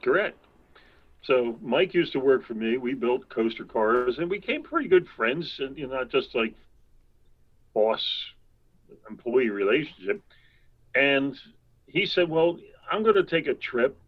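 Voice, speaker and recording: An older man telling long anecdotes as an interview guest, rambling, with quick asides and chuckles. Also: mid-range voice, lively intonation, phone-quality sound. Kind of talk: anecdotal storytelling.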